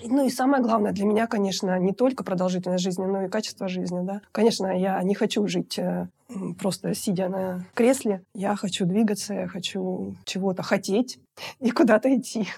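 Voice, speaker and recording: A woman in her fifties chats as an interview guest, lively and quick to laugh. Her voice is mellow and slightly husky, at a middle pitch. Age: 50s. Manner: lively, chatty storyteller who laughs easily. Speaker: guest, outsourced finance director. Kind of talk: casual interview talk.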